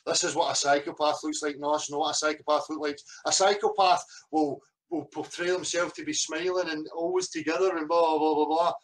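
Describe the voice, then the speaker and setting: A man with a notably high-pitched voice unloads an angry rant straight to camera. He is heated and confrontational, and he swears in nearly every line. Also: steady tone, fairly quick, few pauses, low-quality recording. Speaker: vlogger.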